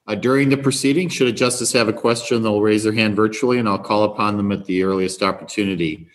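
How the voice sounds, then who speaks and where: A man's voice: lowish voice, steady tone, quick pace. A man presiding as a judge, giving polite, plain-spoken procedural instructions. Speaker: chief justice presiding.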